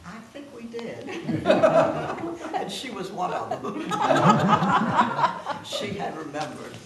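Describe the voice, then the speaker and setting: Here the 98-year-old guest of honor speaks extremely slowly, her slightly high voice swinging hugely in pitch. She shares memories with family in a relaxed, giggly, playful manner, recorded from a distance in a noisy room full of echo.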